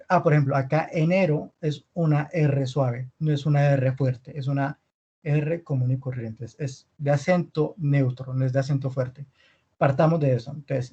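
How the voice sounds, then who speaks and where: A man teaching an online language lesson, patiently repeating words slowly for his students. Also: mid-range voice, dark tone, slightly rough, muffled recording. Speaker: Spanish teacher.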